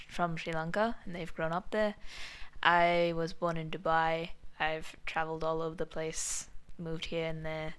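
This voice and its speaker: A young woman, a law student, answering questions in a relaxed radio interview, often saying "sort of". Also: deep voice, smooth. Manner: relaxed, frequent "sort of" fillers.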